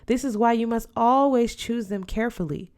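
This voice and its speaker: For an audiobook, a woman voices an older godmother aunt who counsels emphatically, firm, affectionate and dutiful, with a wise air. She pitches her voice a little high, above her own but near an everyday sound, with a darkish tone at a moderate pace.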